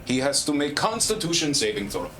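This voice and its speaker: A man's voice: on the high side, big pitch swings, brisk, fairly bright tone, faint music behind. A man playing a tabletop game, working through his dice rolls and rules step by step. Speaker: player.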